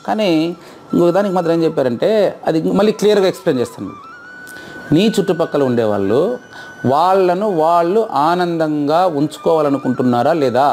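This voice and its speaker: Man, lecturer, high-pitched, rapid, questions his listeners, music faintly behind. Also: expressive, darkish tone. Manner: quizzes audience, repeats questions. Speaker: teacher. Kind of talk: interactive lecture.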